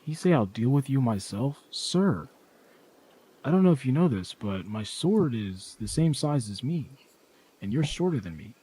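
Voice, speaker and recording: Sarcastic man with a lively voice. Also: mid-range voice, normal speed, slightly rough. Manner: dry, sarcastic remarks at the game. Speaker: streamer playing a game. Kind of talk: casual gameplay chat.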